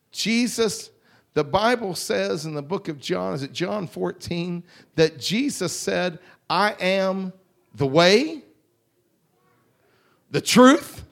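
Fervent high-pitched preacher. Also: male voice. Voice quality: frequent throat-clearing. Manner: fervent, rhythmic, drawling with repeated call-outs. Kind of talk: holiness church sermon.

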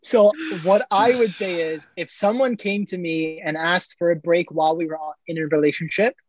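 A man's voice: on the high side, steady tone, moderate pace, dry recording, poor audio. Emphatic young man in his twenties. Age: 20s. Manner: emphatic, repeats himself when arguing. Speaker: podcast co-host. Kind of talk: casual chat.

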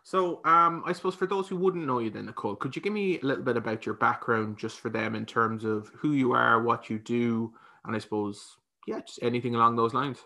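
A man's voice: mid-range voice, brisk, vocal fry, bright, forceful tone. An Irish man interviewing casually and conversationally as a podcast host.

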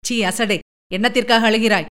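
A woman's voice: fairly high pitch, fairly even intonation, moderate pace, a bit bright, natural voice. A woman reading a story aloud and voicing a short-tempered young man in her own voice, curt and brusque.

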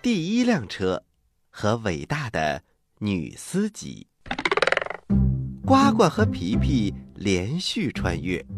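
Very animated male children's storyteller. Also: fairly low pitch. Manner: avuncular, expressive, addressing children. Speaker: children's storytelling host and narrator.

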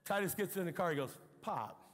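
An older man preaching a sermon as pastor, telling stories in an animated way with emphatic outbursts. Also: high-pitched, moderate pace, slight background noise. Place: church sanctuary. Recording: long reverb of a large hall.

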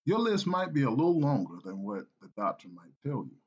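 A man's voice: mid-range voice, big pitch swings, breathy edge, dull audio. Earnest man telling a personal story. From South Carolina, United States. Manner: earnest, halting, with restarts and repeated phrases.

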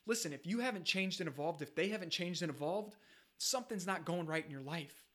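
A man's voice: a little high, lively intonation, a little fast, a bit bright. A man in his thirties giving an earnest motivational talk, urging listeners directly and repeating his points. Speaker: self-improvement speaker.

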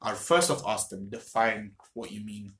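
A man's voice: on the low side, moderate pace, fairly bright tone, a little hiss or hum. A man hosting a casual podcast chat, rambling with many restarts and blunt, sweary remarks. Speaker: podcast host.

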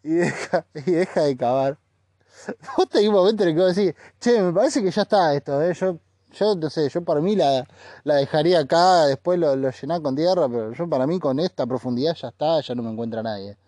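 A man's voice: on the high side, fairly quick, mellow, dry recording. A man with a Rioplatense Spanish accent, a podcast host rambling through a casual joking monologue and acting out quoted voices.

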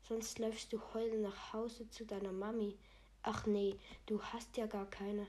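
Give me a sneering teenage boy bully, read by a woman with a mellow, flat voice. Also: medium pitch, a little slow, close to an everyday voice. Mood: taunting. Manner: taunting, sneering.

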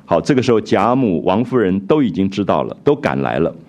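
Low-voiced man lecturing with lively intonation. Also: brisk. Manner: reflective, retells scenes and muses aloud. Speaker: lecturer on a classic novel. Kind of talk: storytelling lecture.

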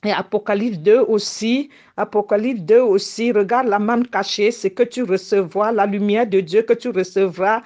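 A woman's voice: medium pitch, a little mellow. A woman preaching as a prophetess, fervent and repetitive, pleading with her listeners to prepare. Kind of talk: prophetic sermon and revelation account. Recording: dull lo-fi recording.

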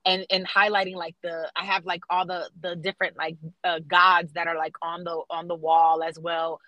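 A young woman from South Florida speaks as a guest in a casual interview. Her voice is bright and forward, recorded dry and close. She talks animatedly, full of fillers and restarts. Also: lowish voice, flat delivery, moderate pace, no echo, lo-fi sound. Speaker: guest muralist.

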